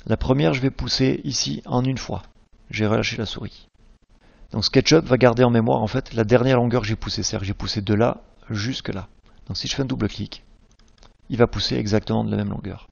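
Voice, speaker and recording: A man teaching a screen-recorded software tutorial, patiently explaining each click step by step. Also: mid-range voice, steady tone, a little fast, vocal fry, dull audio.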